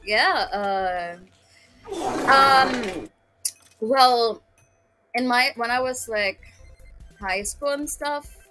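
High, cute anime-girl voice, young woman, bright. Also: extremely slow, long pauses, low-quality recording. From Philippines. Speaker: voice actress playing as paid gaming companion. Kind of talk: casual chat while gaming. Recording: music bed behind the voice.

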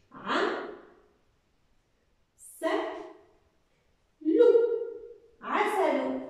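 A woman teacher gives an early-grade reading lesson, slowly sounding out each syllable. Her voice sits a little high. She is recorded from a distance in a room with a long, echoing reverb. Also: a little mellow. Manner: slow, sounding out syllables patiently. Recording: echoey room from far off.

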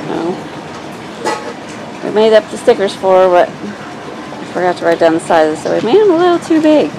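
A woman's voice: mid-range voice, expressive, moderate pace. A woman in her forties, a sailing vlog host, chatting upbeat to the camera aboard her boat. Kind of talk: casual vlog narration. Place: aboard a sailboat, outdoors in the cockpit. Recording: clear background noise.

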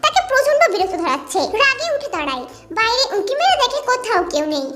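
A woman storyteller giving an expressive, dramatic scripted reading of a romantic story, with music under her voice. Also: very high voice, fast.

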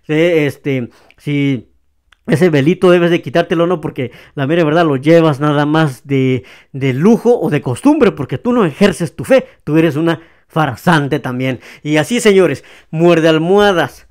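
A man with a Mexican Spanish accent, ranting and hurling insults in a reaction video, repeating himself heatedly. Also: fairly high pitch. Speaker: YouTube troll commentator.

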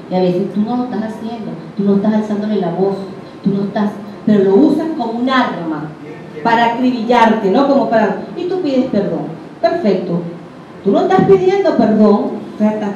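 In an echoey room picked up by a distant, dull mic with slight background noise, a woman with a Venezuelan accent gives a conversational lesson to a group. Her slightly high voice is mellow, and she frequently asks her listeners questions.

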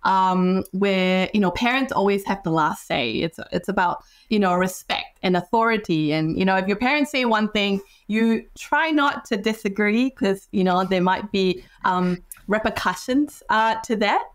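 A woman in her thirties from Singapore answers interview questions over a video call, speaking through a headset in a home office. She talks thoughtfully, pausing with fillers and restarting her sentences as she works through ideas. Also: mid-range voice. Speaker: guest psychologist.

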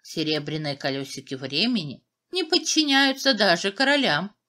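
A dignified old clockmaker who speaks steadily and refuses to bend, as a woman reads him in a children's storybook. His voice sits a little lower than the narration, calm and firm. He sounds wise and unshaken. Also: moderate pace.

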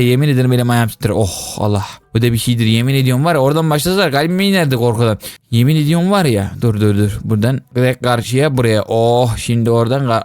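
A man commenting on his own game as he plays, animated and quick to shout and yelp when scared. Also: mid-range voice, no room sound. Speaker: gaming YouTuber. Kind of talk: excited gameplay commentary.

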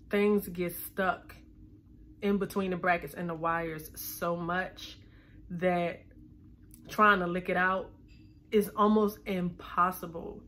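Woman, talking with braces, slight lisp, casual vlog chat, lower voice. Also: a bit bright, slight background noise. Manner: chatty, addresses viewers as y'all. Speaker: vlogger.

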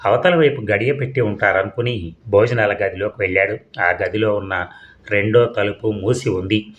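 A man with a lowish voice reads a scripted suspense story aloud at a steady, measured pace, making the odd small slip. The highs are cut off in the recording.

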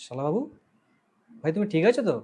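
Play a flustered, stammering young son-in-law on a noisy recording as an actor voices him. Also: male voice, on the high side, very animated, fast talker. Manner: hesitant, stammering.

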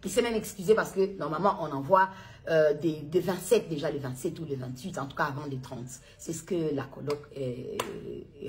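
A worried middle-aged mother from Congo, filmed at home on a phone, recounting events in a halting way with many restarts. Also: low-pitched. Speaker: worried mother making an appeal. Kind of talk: personal appeal video. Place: home interior, indoors. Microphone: phone at arm's length.

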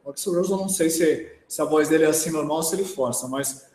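Speaking fast in a reverberant space, a man with a high-leaning voice gives a chatty live talk. He's a voice teacher and singer with a Brazilian Portuguese accent who keeps adding "né?" to his sentences.

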